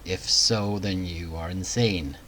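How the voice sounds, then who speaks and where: A man's voice: low voice, steady tone, slow pace, bright, forceful tone, a little hiss or hum, low-quality recording. A man hosting a reaction commentary video, talking in a sarcastic, mocking way.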